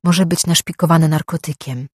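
Give me a narrator playing a sharp, wary young woman, brisk and a little husky. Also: medium pitch, fairly even intonation, no room sound, clean studio sound, lightly acted.

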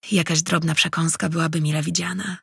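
A composed, polite woman of great power, as an audiobook narrator reads her. The voice is deeply husky and gravelly with a dry sound. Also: little pitch movement, a little fast, a bit bright, no room sound, heavily acted. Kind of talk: audiobook character reading.

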